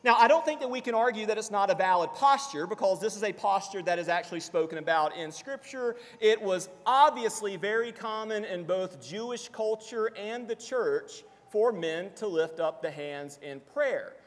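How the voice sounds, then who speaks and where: A man preaching a sermon to a congregation, explaining scripture in a measured teaching manner and slowing down for quotations. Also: sits high, animated. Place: church assembly hall. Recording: long reverb of a church hall.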